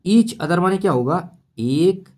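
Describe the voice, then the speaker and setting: A man's voice: high voice, animated, darkish tone. A man teaching English-to-Hindi translation, going over each word again and again and asking his listeners questions as he explains. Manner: slow, repeating each word many times while explaining; asks students rhetorical questions.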